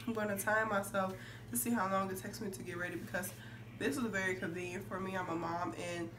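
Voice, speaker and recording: Speaking a little fast in a steady, medium-pitched voice, a young adult beauty vlogger chats casually and emphatically to camera while hoarse and congested with a cold, clearing her throat. A phone a few feet away in an indoor room with curtains captures distant, noisy sound.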